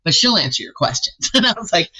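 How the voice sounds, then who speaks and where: A woman vocal artist being interviewed, telling her story casually and lively, acting out what people said, with a deep, soulful voice. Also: fast talker, slightly rough, dull audio. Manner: animated, acts out quoted voices.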